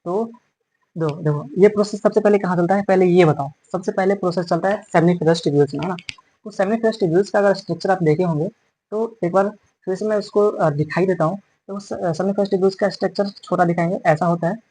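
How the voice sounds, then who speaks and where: A man's voice: high voice, a little fast, dark tone, poor audio. A man teaching biology in a classroom-style lecture, repeating and correcting terms as he explains and mixing English words into his talk. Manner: mixes English terms into Hindi.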